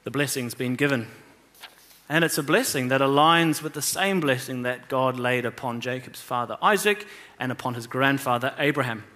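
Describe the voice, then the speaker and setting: A man's voice: medium pitch, moderate pace, pushed and bright. A man teaching children, retelling a scripture story with emphasis and rhetorical questions. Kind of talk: scripture reading and moral lesson.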